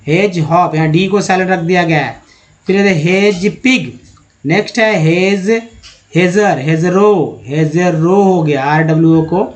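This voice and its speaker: A man teaching English spelling and pronunciation from slides, drawing words out slowly one at a time and addressing viewers as friends. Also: sits high. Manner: slow, drawn-out word-by-word pronunciation. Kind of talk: slide-based spelling lesson.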